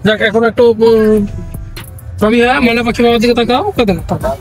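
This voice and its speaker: Young father, family vlogger; rapid, soothing and reassuring, phone-recorded on a train. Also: very high-pitched, soft background music. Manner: gentle, coaxing, reassuring. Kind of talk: casual family vlog. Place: inside a moving train.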